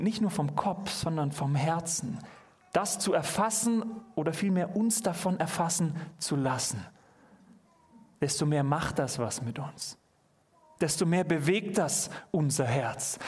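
A man preaching a sermon, earnest and questioning the listeners directly, pushing his voice up when he stresses a point. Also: on the high side. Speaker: preacher at a youth church service. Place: church hall.

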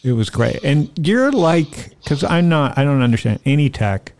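A man hosting a casual interview, asking loose, rambling questions that start over several times. His voice is low-key and mellow, with a gravelly creak. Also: sing-song, moderate pace, no echo.

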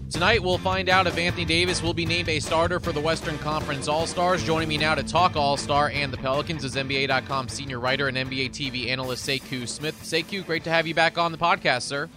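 Guy hosting a sports podcast, fast and bright, slightly high voice. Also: little pitch movement, over music. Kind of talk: sports interview.

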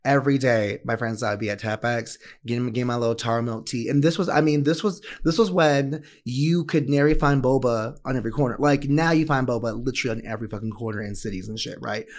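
A man co-hosting a podcast, telling lively, profane stories in casual chat. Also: mid-range voice, quick pace, few pauses. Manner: animated, swearing, laughing storyteller. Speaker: podcast co-host.

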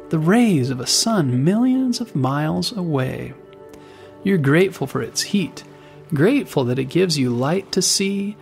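A man reads a guided meditation at a slow, unhurried pace. His voice has a gravelly creak and moves expressively up and down in pitch. Soft music plays behind his soothing, scripted narration. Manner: unhurried, soothing delivery with pauses. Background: music bed.

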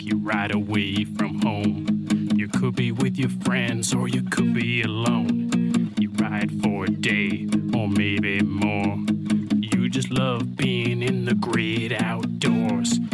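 Man, singing, low voice, slow, monotone, loud guitar music. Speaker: theme song singer. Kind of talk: sung theme song with guitar. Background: loud plucked guitar music.

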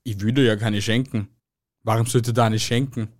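A man's voice: medium pitch, steady tone, fairly quick. A man, co-hosting a casual comedy podcast, joking and laughing often in colloquial dialect. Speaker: podcast co-host.

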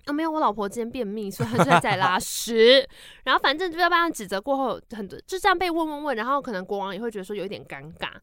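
A woman hosting a podcast, retelling a folk tale in casual, animated, jokey chat. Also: on the high side, very fast, smooth, no room sound, studio quality. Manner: animated, jokey, laughs often. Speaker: podcast host.

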